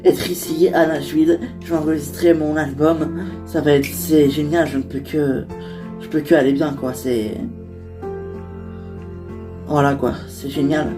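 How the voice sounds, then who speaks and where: A woman's voice: low-pitched, little pitch movement, measured pace, pauses often, over music. A woman voicing a heartbroken but upbeat young female singer in an amateur toy-figure drama, talking hesitantly with many fillers.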